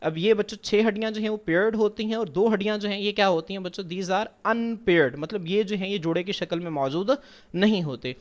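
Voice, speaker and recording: A man whose voice sits high speaks fairly quickly in a recording with the highs cut off, lecturing on biology over slides. Patient in manner, he goes over points repeatedly, questions and answers himself, addresses students as children, and blends English science terms into his speech.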